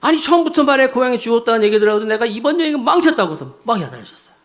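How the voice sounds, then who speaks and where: A man's voice: extremely high pitch, sing-song, racing, fairly bright tone. A middle-aged man preaching a Sunday sermon, telling a story with acted dialogue and emphatic rises. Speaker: pastor.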